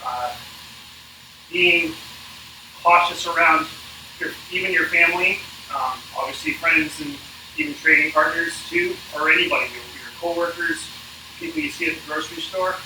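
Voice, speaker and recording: A man coaching an indoor cycling workout on a livestream, speaking casually and haltingly with a dry, informal manner. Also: fairly high pitch, steady tone. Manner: halting, informal, dryly joking. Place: indoors in an apartment. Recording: echoey, distant mic, noisy room.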